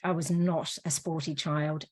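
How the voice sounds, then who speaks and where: An Australian woman, a running coach, talking as a guest in a relaxed, self-deprecating way. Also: low-pitched, unhurried. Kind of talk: casual interview chat.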